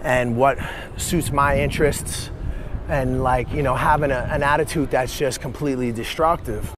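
A man's voice: medium pitch, fairly even intonation, moderate pace. A man in his forties talking casually to camera while walking through a city, rambling and blunt, cutting off his own swear words. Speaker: vlogger and life coach. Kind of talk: casual walking vlog monologue. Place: city streets outdoors. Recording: outdoor street noise.

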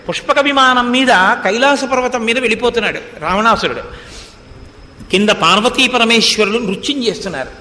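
A man's voice: extremely high pitch, bright, forceful tone, long reverb tail. A man giving a devotional discourse, telling an epic story, speaking the characters' words and reciting Sanskrit verses. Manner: narrates epic tale, voicing characters' quoted words.

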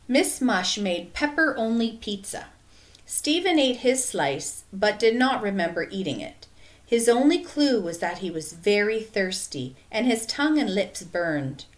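A woman narrating a children's chapter book in an expressive, measured reading. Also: mid-range voice. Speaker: audiobook narrator. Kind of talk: storybook narration.

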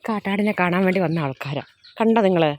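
A woman speaking live outdoors near a house, talking in a hushed, coaxing way to neighbours and children while pointing things out to them. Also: lowish voice, quick pace. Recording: faint outdoor noise with birds.

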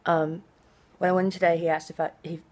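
A middle-aged woman chatting casually in a personal video diary, rambling conversationally, with drawn-out, hissing s sounds. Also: lowish voice, flat delivery, darkish tone. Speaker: vlogger. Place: small indoor room at home.

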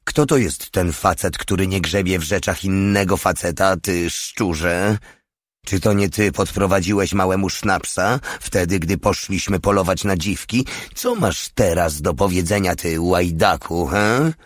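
A man's voice: low-pitched, a little slow, no room sound, clean studio sound. A man voicing a quarrelsome, crude male soldier who snarls accusations in an audiobook. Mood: angry. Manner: snarling and abusive.

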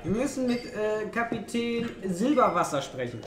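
High-voiced man in an echoey room. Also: sing-song, moderate pace, a bit bright, faint music behind. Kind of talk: in-character tabletop roleplay.

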